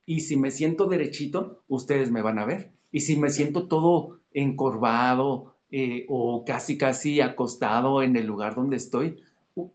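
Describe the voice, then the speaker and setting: A man teaching an online class, explaining slowly and often restarting his sentences, checking in with his students as he goes. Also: mid-range voice, a little mellow. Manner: explanatory, repeats "verdad" and "fíjense" to check in with students. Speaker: course instructor. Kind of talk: online lecture. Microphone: video call.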